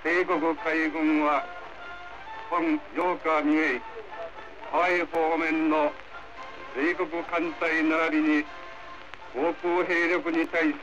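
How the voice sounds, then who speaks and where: A man reading a formal official bulletin over an old archival radio broadcast, with a slow, measured delivery. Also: a little high, little pitch movement, a bit bright. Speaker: radio announcer. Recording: dull lo-fi archival radio with music behind.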